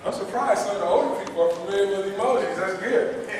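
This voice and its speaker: A man preaching a sermon as pastor, lively and playful, repeating words for emphasis and quizzing the congregation in a chatty way. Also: high voice, fast, slight background noise. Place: church hall. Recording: echoey hall from far off.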